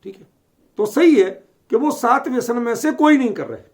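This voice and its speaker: A man's voice: very high voice, lively intonation, normal speed. A man teaching a scripture lesson, often asking his listeners whether they follow the point. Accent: Delhi Hindi. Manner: questioning, keeps checking understanding.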